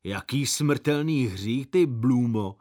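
A man reading aloud puts on a cocky schoolboy from a storybook, proud and argumentative. He pushes back at every challenge with stubborn self-assurance. The lines swing up and down in pitch. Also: expressive, darkish tone, lightly acted. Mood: defiant.

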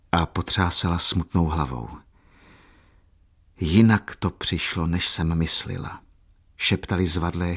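A man reading a classic novel aloud as narrator, in a slow, solemn and measured way. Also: low-pitched, fairly bright tone.

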